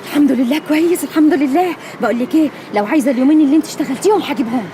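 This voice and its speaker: An actress playing a brisk, bossy Egyptian woman who takes charge of her panicked friend. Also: sits high, background noise, natural voice.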